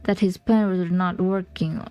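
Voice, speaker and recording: A woman's voice: on the low side, steady tone, unhurried, clear, resonant tone, no echo, dull audio. A young woman from Indonesia, reading a novel aloud on a livestream, sometimes stumbling over words and correcting herself. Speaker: streamer.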